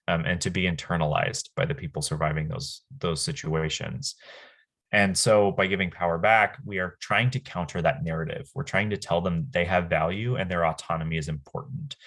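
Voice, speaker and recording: Low-voiced earnest male trainer. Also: a bit bright. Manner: earnest, frequent "um" pauses and restarts. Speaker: campus staff trainer. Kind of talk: staff training talk.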